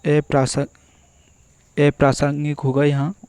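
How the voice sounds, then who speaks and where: A man teaching an exam-prep spelling lesson, going through word after word and repeating each one slowly and methodically. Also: a little high, monotone, a little mellow, smooth, no room sound. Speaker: Hindi teacher.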